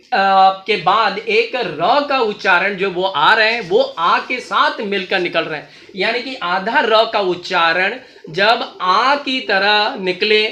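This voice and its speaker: A slow, patient teacher talks through a grammar lesson, repeating each rule with examples. The voice is bright and clear. The room is noticeably echoey. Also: mid-range voice. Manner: patient, repetitive, explanatory. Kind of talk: explaining lesson slowly.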